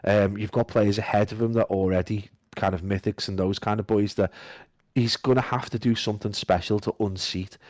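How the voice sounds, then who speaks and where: A man guesting on a casual podcast, talking in a flat monotone while feeling unwell. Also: on the low side, fairly quick, no room sound. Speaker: guest esports caster.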